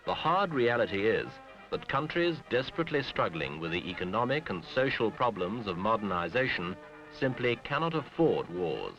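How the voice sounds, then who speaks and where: Old newsreel narrator, male, deep and expressive, grave measured read over music. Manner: grave, measured delivery in short phrases. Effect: old newsreel soundtrack. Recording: dull lo-fi 1970s film sound with music.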